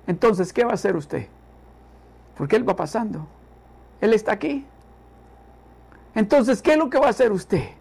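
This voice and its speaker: A man's voice: high-pitched, animated, moderate pace, vocal fry, pauses often, a little mellow, husky. A man preaching a sermon with fervent repetition, calling on listeners to repeat after him.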